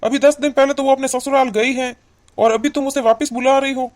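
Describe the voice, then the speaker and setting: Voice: high-pitched, fairly even intonation, brisk, a little mellow, natural voice. A voice actor playing an older cartoon father who patiently reasons with his wife. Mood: alarmed. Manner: patient, persuasive lecturing. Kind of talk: cartoon voice acting.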